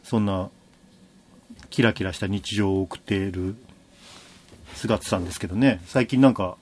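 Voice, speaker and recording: A man's voice: low voice, normal speed, darkish tone. A man hosting a casual chat, steering the talk with teasing jokes and frequent short replies. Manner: joking interjections, frequent backchannels. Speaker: podcast host.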